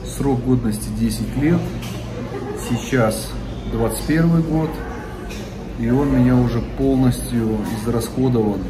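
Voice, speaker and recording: A man's voice: medium pitch, a little slow, noisy background. A man narrating his travel vlog in a casual, jokey style. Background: music.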